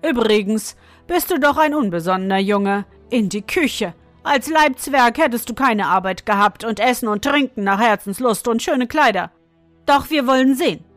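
A woman voicing a stern male palace overseer who scolds loudly and talks down to others. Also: a little high, animated, moderate pace, dry recording, soft background music, lightly acted. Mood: condescending. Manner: loud scolding.

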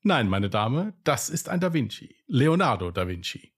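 A man's voice: medium pitch, very animated, normal speed, slightly rough. A man playing a patient, politely formal male museum guide in a told joke.

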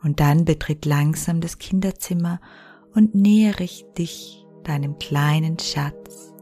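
A woman leading a guided meditation in the manner of a sleep story narrator, soothing and unhurried, with breathy phrase endings. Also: low-pitched. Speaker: podcast host and guided meditation leader. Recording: soft music behind the voice. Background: music.

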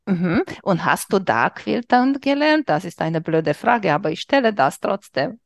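Slow, animated woman hosting a podcast. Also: mid-range voice, vocal fry, no room sound, studio quality. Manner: warm, playful questioning with slightly broken German grammar. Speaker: podcast host. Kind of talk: casual interview chat.

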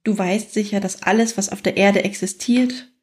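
Soothing woman guiding a slow relaxation. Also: mid-range voice, fairly even intonation, darkish tone. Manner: soothing, unhurried, with long pauses between phrases. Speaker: guided meditation narrator. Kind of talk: guided fantasy journey, scripted relaxation narration.

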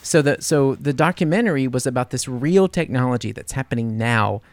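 A man hosts a loose, friendly interview. He talks at a medium pitch and slips into quoted voices as he tells stories. The room is dry, with almost no echo. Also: brisk. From New Orleans, USA. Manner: animated storyteller, acts out quoted voices, laughs often. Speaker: podcast host. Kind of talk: casual interview chat.

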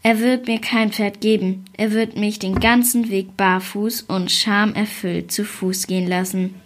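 A woman's voice: medium pitch, fairly even intonation, measured pace, close to an everyday voice. A woman reading as a worried weaver's daughter. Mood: despairing. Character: poor young weaver's daughter, gentle and worried. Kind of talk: storybook reading.

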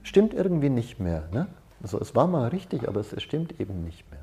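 His mid-range, mellow voice swings widely in pitch and runs a little fast. In this easygoing seminar, the man shares personal anecdotes and keeps engaging listeners with short tag questions.

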